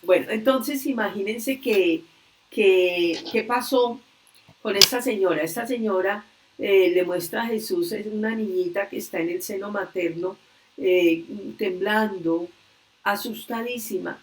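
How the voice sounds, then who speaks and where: A woman leading a religious workshop, earnestly retelling a story slowly and with frequent hesitations over a video call. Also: mid-range voice. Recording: distant video-call audio.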